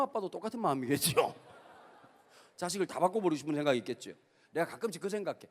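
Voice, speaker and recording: A middle-aged man with a Gyeongsang accent, preaching a lively youth-camp sermon as a pastor and telling stories with playful slang. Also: sits high. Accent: Gyeongsang Korean. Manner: animated storytelling with acted voices and playful slang. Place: large hall at a youth camp. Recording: reverberant hall.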